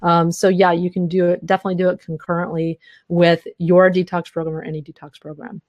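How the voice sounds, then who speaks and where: The audio is dull with no echo as a woman hosts a live health webinar and fields listener questions at length. Her lowish voice is flat and a little mellow, and she rushes through long run-on answers with frequent fillers. She's tired, and her voice is giving out.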